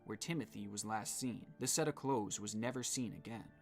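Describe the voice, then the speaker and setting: A man's voice: fairly low pitch, moderate pace, faint music behind. A man giving scripted narration in the style of a true-crime video.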